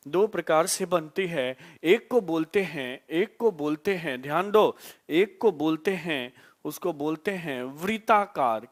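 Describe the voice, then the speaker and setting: A man teaching a live online grammar lesson, repeating key terms and asking his students questions to answer back. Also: fairly high pitch. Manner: repetitive call-and-response questioning; drawn-out slow emphasis on key terms.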